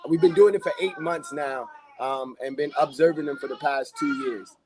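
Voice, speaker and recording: A man's voice: a little high, normal speed, a little mellow, a little hiss or hum. A man speaking as a guest on a casual podcast, with a loose, rambling delivery full of fillers and street slang. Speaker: podcast guest, community activist.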